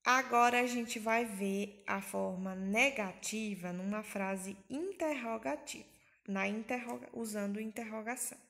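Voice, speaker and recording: Slow, bright-voiced Brazilian teacher. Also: female voice, mid-range voice, vocal fry. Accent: Bahia Brazilian Portuguese. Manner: slow, patient, repeats English examples and translates them. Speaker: English teacher. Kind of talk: online grammar lesson in Portuguese.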